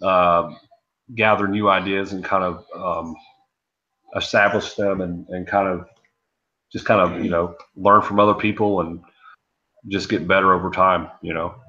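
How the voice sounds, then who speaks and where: A man's voice: deep voice, fairly even intonation, unhurried, long pauses, pushed and bright. A man hosting a casual video-call panel, talking in an easygoing, encouraging way with lots of fillers. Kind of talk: casual chat. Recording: dull lo-fi video call audio.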